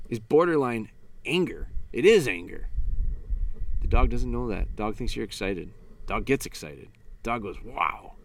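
A man's voice: mid-range voice, creaky, a bit bright. A man hosting a podcast on retriever training, explaining methods in a blunt, folksy, casual way and voicing what the dog thinks. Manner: blunt, folksy, acts out the dog's thoughts. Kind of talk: casual instructional talk.

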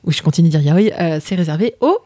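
A lively woman from Paris presents a manga in a casual panel chat, stacking fillers and laughing easily. Her voice sits at a middle pitch in a dry, close-sounding room. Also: fast talker, no echo. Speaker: manga reviewer.

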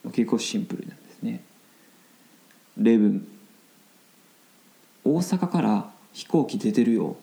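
A Japanese man gives a casual, unhurried vocabulary lesson, breaking each phrase down in plain words and slipping into English to explain. His voice is low, dark and gravelly. The recording has a noticeable echo of the room. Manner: explains slowly in simple Japanese, mixing in English glosses. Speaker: Japanese language teacher.

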